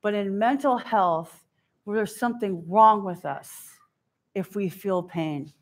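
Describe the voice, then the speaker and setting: A woman giving a keynote talk, telling a personal story in an animated way and acting out the quoted voices. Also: medium pitch, takes it slowly. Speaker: keynote speaker. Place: stage before an audience.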